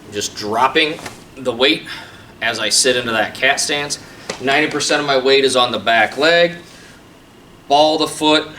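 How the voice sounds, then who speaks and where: A man's voice: medium pitch, pushed and bright. A man explaining techniques informally as a taekwondo instructor in a tutorial. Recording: distant mic, faint room noise.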